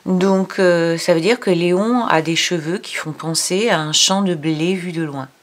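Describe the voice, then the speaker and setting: A reading teacher with a lowish voice gives a child an unhurried lesson, sounding out syllables and explaining patiently. She speaks to the child directly.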